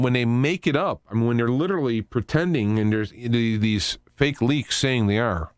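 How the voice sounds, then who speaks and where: Speaking in a mid-range voice, a man hosting a live talk radio program rambles through unscripted commentary, halting, restarting and digressing. The clean studio sound has no echo.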